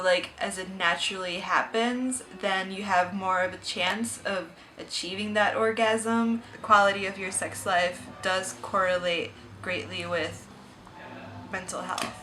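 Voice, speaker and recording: A nineteen-year-old woman from Puerto Rico explains things matter-of-factly in a bright voice. Faint background noise sits under her. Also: medium pitch, steady tone, a little slow, reverberant, low-quality recording. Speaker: psychology student interviewee. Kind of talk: casual interview answer.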